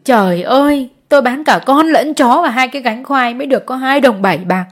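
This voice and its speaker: A woman's voice: on the high side, normal speed, a little mellow, close to an everyday voice. A woman voicing a poor peasant wife who pleads and cries over taxes she cannot pay. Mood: wailing. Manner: pleading, sobbing.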